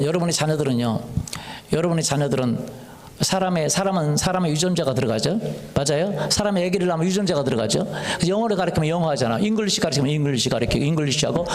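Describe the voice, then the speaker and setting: Fervent Korean pastor preaching, high voice. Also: male voice. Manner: call-and-response preaching, dropping to whispers then rising loud; playful, mimics dogs and children. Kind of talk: sermon. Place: church sanctuary. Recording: echoey church hall.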